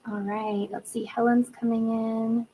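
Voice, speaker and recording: A literacy educator hosts a live teaching webinar from an indoor room, greeting attendees by name in a cheerful, casual way even as a cold and sore throat steal her voice. Her fairly high, dark-toned voice sounds gravelly and husky, moving little in pitch at an unhurried pace. The low-quality recording carries a faint hiss or hum.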